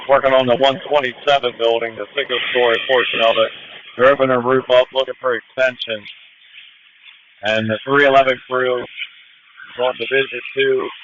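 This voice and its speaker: A man's voice: medium pitch, a bit bright. A man giving firefighter radio reports to command from the fireground over a two-way radio. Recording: noisy, muffled firefighter radio transmission.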